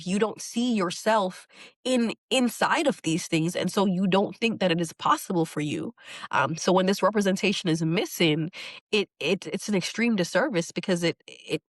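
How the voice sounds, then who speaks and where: This fairly low-pitched woman's voice comes through clean and echo-free, as from a studio. She's a middle-aged poet from New York in a reflective interview, earnest and thoughtful, frequently restarting and repeating words while she works out her ideas.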